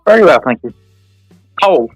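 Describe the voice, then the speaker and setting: A man's voice: on the high side, big pitch swings, normal speed, breathy edge, dry recording, faint music behind. A man joining a live-streamed chat over a poor online connection, answering in short replies, his voice tinny and hollow as if he were inside a tin can. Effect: tinny, hollow sound as if inside a tin can. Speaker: guest on a live-streamed talk show. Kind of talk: casual chat. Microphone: remote online call connection.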